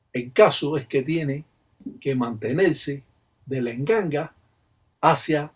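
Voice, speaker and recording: A man giving a solemn, measured instructional narration about a folk ritual. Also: medium pitch, slightly rough. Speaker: religious practitioner explaining a ritual.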